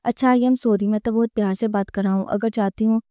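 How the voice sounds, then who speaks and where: A woman voicing a remorseful young husband in an audiobook-style romance reading, talking softly and earnestly. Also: medium pitch, steady tone, smooth, no room sound, clean studio sound, lightly acted. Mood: firm.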